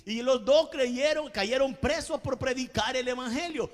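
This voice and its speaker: A man's voice: very high-pitched, unhurried, big-room sound. A man preaching a sermon as pastor, stressing his points and often addressing listeners as beloved brother. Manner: emphatic preaching, calls out "mi amado hermano".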